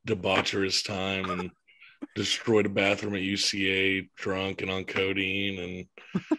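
A man's voice: deep voice, monotone, unhurried, bright, forceful tone. A man co-hosting a podcast, chatting in a laid-back way and laughing often. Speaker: podcast co-host. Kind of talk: casual chat.

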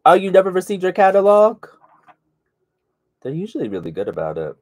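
A high-voiced man whose pitch swoops wildly talks a little fast, with a darkish tone on a dry recording. Stuffy-nosed, he chats casually through a sew-along, speaking to viewers by name as he sews.

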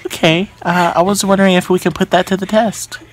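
In a high, level voice and a slightly fast pace, a twenty-something man places casual prank calls. He comes across as hesitant and fake-polite with slang in his phrasing, captured in a close home recording from a small bedroom with a bit of background noise.

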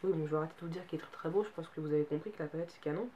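A woman's voice: low voice, racing, dark tone. A young adult woman, a beauty vlogger chatting casually, sounding a bit tired with a cold. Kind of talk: casual haul chat. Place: bedroom, indoors. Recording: faint background noise.

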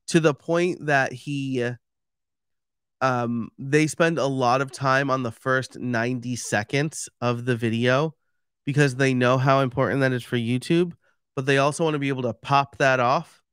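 A man's voice: mid-range voice, fairly bright tone, clear, resonant tone, no echo, studio quality. A man with a New York accent giving a casual, chatty livestream talk and explaining step by step with many fillers. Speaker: podcast expert giving a live stream talk.

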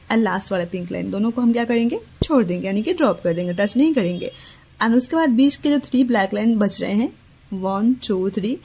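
A woman teacher walking young children through writing letters step by step, slowly and patiently, mixing English words into her speech. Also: fairly high pitch, dark tone, breathy edge. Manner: slow, step-by-step explaining with Hindi-English code-mixing. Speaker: play school teacher. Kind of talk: handwriting lesson for young children.

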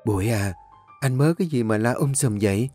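A man voicing a frightened young wife who speaks in a hushed, timid way. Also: medium pitch, a little fast, soft background music, lightly acted.

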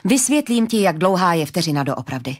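A woman reading an audiobook, voicing a sharp, resourceful young woman who speaks briskly and with determination. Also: on the low side, big pitch swings. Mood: determined.

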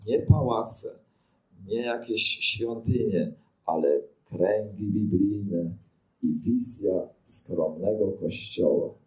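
Speaking slowly in a fairly low, darkish voice, an older priest holds a handheld mic and delivers an informal teaching, telling stories and asking his audience rhetorical questions. The setting is a small studio with a brick wall behind him, and the recording is of low quality.

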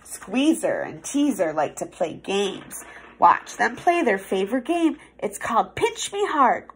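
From a small office room indoors, a young woman delivers an animated picture-book reading to children, teacher-style. The audio is poor with slight background noise, and her voice is medium in pitch. She plays it theatrical and playful, with stretched-out words and quiet asides.

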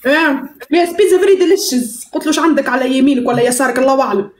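A woman's voice: high-pitched, fast, roomy sound. A woman with a Tunisian accent chatting playfully on a live stream while baking, teasing and slipping into broken English.

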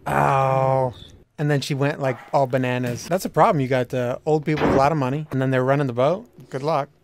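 Joking young guy over loud noise. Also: mid-range voice, fairly even intonation, brisk. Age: young adult. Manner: joking, crude, laughs often. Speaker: co-host. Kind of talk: casual commentary over fail videos.

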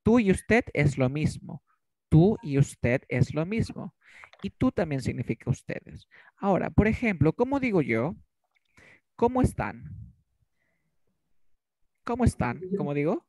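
A man's voice: a little high, very animated, moderate pace, a little mellow, no room sound. A man teaching an online English class in Spanish, drilling students with repeated questions. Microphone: video call.

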